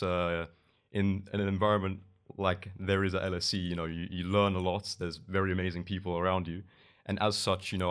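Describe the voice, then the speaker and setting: A young man from London with a London accent, a guest in a podcast interview, talking loosely with many restarts and fillers. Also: deep voice. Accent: London English. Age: young adult. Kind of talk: casual interview. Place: podcast studio with couch. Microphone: boom mic on arm.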